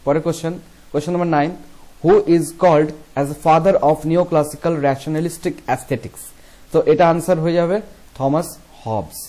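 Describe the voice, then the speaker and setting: A young man with a Bengali accent goes through an exam question bank as a teacher. His voice sits a little high, and he reads each question out slowly. He then explains the answer in quick bursts, switching between Bengali and English. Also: a little mellow.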